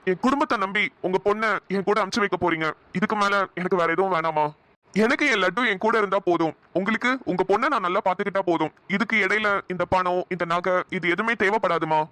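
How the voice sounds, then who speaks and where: A man voices the men of a cartoon family, high-pitched for a man and quick. His tone is bright and earnest, as if making a speech. The recording is dry and close. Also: dry recording. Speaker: voice artist for male family characters. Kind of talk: cartoon family comedy voicing.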